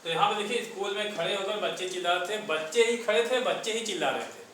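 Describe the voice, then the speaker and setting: A man teaching an English grammar lesson in a classroom, slowly repeating words one at a time. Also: high-pitched, sharp tone, a little hiss or hum. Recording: echoey room from far off.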